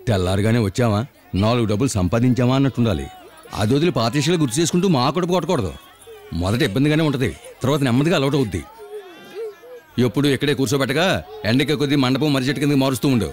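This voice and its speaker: A man's voice: medium pitch, rapid-fire, a little mellow, lightly acted. A man in a dubbed film playing the bossy, scolding leader of a beggar gang.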